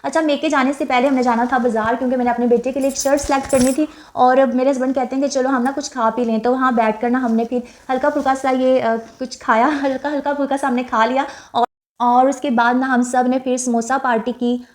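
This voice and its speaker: Young woman vlogger, slightly high voice, casual chatty narration, reflective and wistful. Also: flat delivery, a little fast. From Pakistan. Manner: chatty, reflective, with frequent fillers; speaks softly and wistfully about her late mother.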